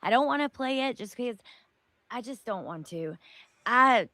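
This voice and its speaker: A woman's voice: on the high side, animated, unhurried, pushed and bright, no echo. A woman hosting a commentary stream, frank and laughing often. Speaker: host. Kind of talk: casual commentary chat.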